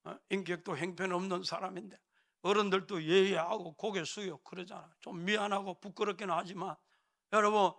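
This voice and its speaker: A male pastor delivers a sermon in a church. His voice sits high and carries a gravelly edge with a sharp, bright tone. He talks emphatically and keeps nudging his listeners with questioning tags. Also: fairly even intonation, fairly quick. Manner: emphatic, prodding the congregation with frequent "eh?" tags. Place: church sanctuary.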